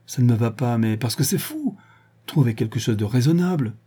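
A man's voice: medium pitch, lively intonation, fairly quick, warm tone, breathy edge. A man voicing a spoiled, evasive young aristocrat who speaks petulantly and insistently.

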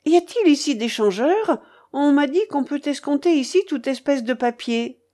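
Role: bossy elderly grandmother gambler in an audiobook, put on by a woman reader, high and loud, swinging in pitch. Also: animated, moderate pace. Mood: stubborn, tense. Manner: bossy, barking orders. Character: imperious old grandmother gambler, impatient and hot-tempered. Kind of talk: audiobook character voice.

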